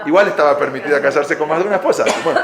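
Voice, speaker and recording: A man's voice: racing, gravelly, a crowd in the background. A man teaching a Talmud story, acting out the dialogue with sudden rises in his voice. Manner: animated storyteller, acts out dialogue with pitch jumps. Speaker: religious teacher. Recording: echoey room with faint ambience.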